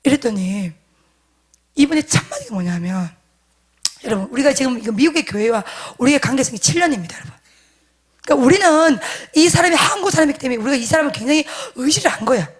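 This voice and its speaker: High, lively woman pastor preaching. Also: fast talker, slightly rough. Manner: animated and emphatic, dropping to hushed asides; addresses the congregation directly, seeking agreement. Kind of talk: sermon storytelling.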